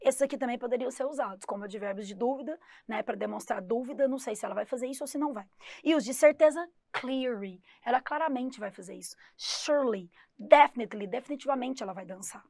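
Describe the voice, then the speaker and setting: A woman English teacher from Brazil giving a lively exam-prep lesson, stressing English words slowly and clearly. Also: a little high, no room sound, studio quality.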